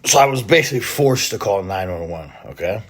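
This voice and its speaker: A man with a lowish, husky voice and lively intonation, a fitness content creator, vlogs to his followers while short of breath from a recent illness. He speaks haltingly, wandering off track with plenty of fillers and restarts.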